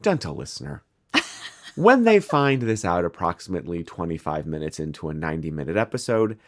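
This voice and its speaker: A young man with a Midwestern American accent chats on a podcast, his pitch rising and falling freely. He jokes and restarts his sentences as ideas tumble out. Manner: animated, jokey, quick restarts. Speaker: podcast co-host. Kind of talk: casual chat.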